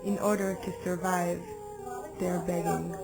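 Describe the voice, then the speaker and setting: A woman from Afghanistan answers interview questions in a slow, hesitant way. Her voice sits on the low side for a woman. Music plays clearly in the background. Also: flat delivery, poor audio. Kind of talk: documentary interview.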